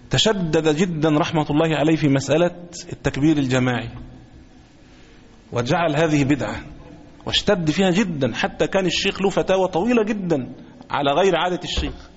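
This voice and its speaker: A man with an Egyptian accent teaching a religious lesson as a sheikh, speaking deliberately and repeating his phrases. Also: a little high, breathy edge. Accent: Egyptian Arabic. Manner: deliberate, repeats phrases, chants quoted takbir slowly. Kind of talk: religious lesson explaining a book. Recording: echoey hall, dull lo-fi sound.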